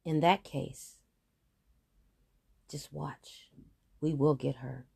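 A giant male buffalo speaks slow, firm threats, voiced by a woman reading a storybook. He sounds certain he will get his way. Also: sits low, fairly even intonation, gravelly, warm tone, husky, heavily acted. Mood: threatening. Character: huge menacing male bull buffalo.

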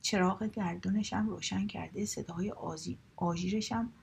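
A woman narrating short stories in a calm, steady, conversational reading voice. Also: medium pitch, creaky, husky. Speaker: story reader. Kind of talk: colloquial storytelling narration.

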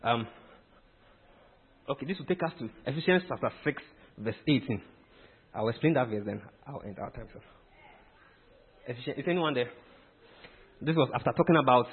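A man's voice: medium pitch, husky. A man preaching a teaching sermon, emphatic and quizzing his listeners with questions. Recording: tinny phone-like sound.

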